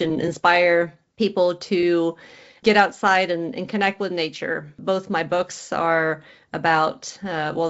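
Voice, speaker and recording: A middle-aged woman with a Swedish accent answers interview questions in an earnest, thoughtful manner and sometimes restarts a phrase. Her voice sits on the low side. The audio is dull and lo-fi. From Sweden. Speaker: guest author.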